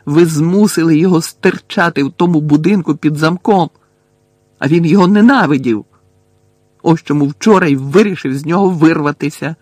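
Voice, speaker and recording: A man reading an audiobook, voicing an angry, grieving teenage boy wizard who shouts, his voice cracking. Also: fairly high pitch, moderate pace, no echo, voice pushed up, lightly acted. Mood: furious. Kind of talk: audiobook character voice.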